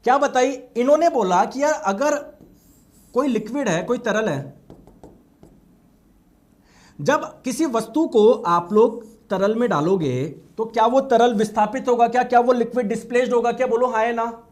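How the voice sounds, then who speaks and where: A man's voice: very high-pitched, normal speed. A male teacher giving a classroom lecture, often asking the class questions and acting out the students' replies.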